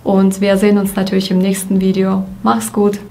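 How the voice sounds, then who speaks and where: A woman teaching a German grammar lesson, saying example sentences slowly and repeating each one. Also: medium pitch, monotone, creaky, mellow. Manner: slow, deliberate example sentences, repeated twice.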